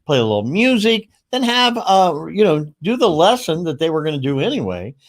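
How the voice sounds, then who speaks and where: A man's voice: fairly high pitch, big pitch swings. Upbeat rambling man on a livestream. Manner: rambling, upbeat, quick asides. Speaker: livestream host. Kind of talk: casual livestream talk.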